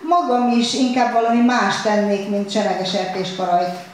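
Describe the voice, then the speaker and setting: A woman's voice: mid-range voice, warm tone, close to an everyday voice. An earnest, puzzled diner speaks up for his friend, as a woman reads him aloud. The voice carries through a very echoey room with faint noise behind. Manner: surprised, earnest. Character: puzzled man dining with a friend. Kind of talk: read-aloud story.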